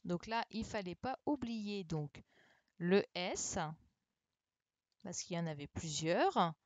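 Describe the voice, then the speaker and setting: A woman teacher from France leads an online class, speaking slowly and carefully as she spells each word out. Her voice is dry and close to the computer mic, with nothing roomy around it. She keeps checking in with the children as she goes. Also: on the low side, very animated. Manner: patient, spells words out letter by letter with frequent "hein" and "d'accord". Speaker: primary school teacher. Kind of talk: live-streamed dictation correction lesson. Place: home setup for an online class. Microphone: computer microphone for a live stream.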